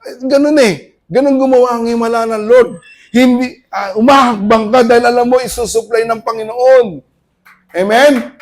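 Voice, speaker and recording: Man, pastor, from the Philippines, high-pitched, conversational sermon, loud praise and hushed asides. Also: fairly even intonation, moderate pace.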